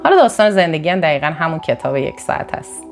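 A motivational speaker from northern Iran gives her viewers an animated talk, often leaping up in pitch for emphasis and restarting or correcting herself mid-sentence. Faint music plays in the background.

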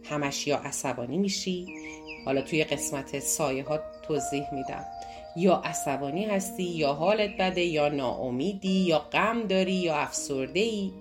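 A woman teaches a self-help course with lively energy, often asking a question and answering it herself. Her voice sits a little low, and clear background music plays beneath it throughout. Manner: animated, asks and answers own questions. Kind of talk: motivational lesson talk.

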